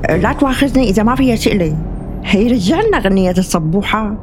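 A woman's voice: mid-range voice, expressive, fast talker, music in the background, close to an everyday voice. A woman with a Levantine Arabic accent playing a chatty, eager woman on an outing.

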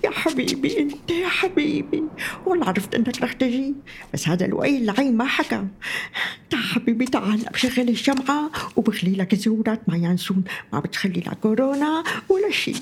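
Woman playing a lonely old syrian mum, talks a lot, soft and emotional, kinda high pitched. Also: expressive, fast, a little hiss or hum. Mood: doting. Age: older. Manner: talkative, tender, emotional. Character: lonely elderly mother, warm, chatty, wistful. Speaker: mother. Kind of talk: scripted drama acting.

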